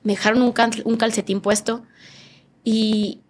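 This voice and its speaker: A woman's voice: fairly high pitch, level tone, a little slow. A woman with a northern Mexican accent, a podcast guest telling an emotional personal story and acting out the voices of people in it. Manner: vivid storytelling, acting out quoted dialogue in changed voices.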